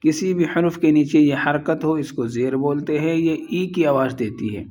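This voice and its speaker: A man teaching a reading lesson, slowly spelling out and repeating each syllable. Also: a little high, dark tone. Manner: drills syllables slowly with repetition.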